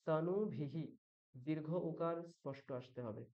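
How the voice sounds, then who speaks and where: A man leads a chanting lesson in a slightly raised voice. He corrects students patiently and slows right down to demonstrate each syllable. The sound is muffled and lo-fi. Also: a little high, a little mellow. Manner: patient, corrective, models pronunciation slowly. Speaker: Sanskrit chanting teacher. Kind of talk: online chanting class instruction.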